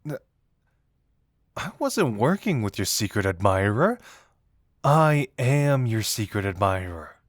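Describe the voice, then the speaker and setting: Man acting Dazai, a teasing, lively flirt. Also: on the low side, no room sound, studio quality, exaggerated voice. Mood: coy, confiding. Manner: teasing, theatrical, drawn-out words. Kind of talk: intimate roleplay audio acting.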